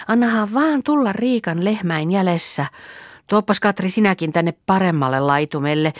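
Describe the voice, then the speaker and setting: A woman's voice: low-pitched, no echo, clean studio sound. A woman voicing a practical young girl who organizes the others in a matter-of-fact way, in a storybook reading.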